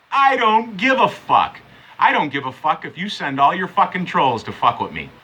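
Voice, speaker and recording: A man's voice: medium pitch, bright, forceful tone, rough recording. A man ranting angrily into the camera, sarcastic, confrontational and full of swearing. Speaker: vlogger. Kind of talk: angry rant to camera.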